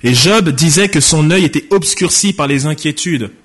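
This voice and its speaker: A man's voice: a little high, lively intonation, moderate pace, a bit bright, husky. Man preaching, reading scripture aloud. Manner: reads scripture aloud, lifting his voice for quoted speech; explains in a plain conversational way with small restarts. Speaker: pastor. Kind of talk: sermon with Bible reading.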